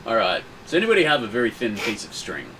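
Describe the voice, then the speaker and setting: Low, lively male gamer, distant and noisy. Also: fast. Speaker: tabletop game player. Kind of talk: casual game-table chat. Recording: noisy room, distant microphone.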